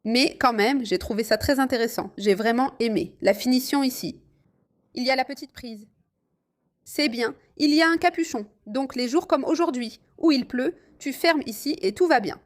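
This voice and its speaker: A motovlogger with a high-sitting voice rides her motorcycle through city rain at a normal speaking speed. She chats and exclaims to her viewers as she goes.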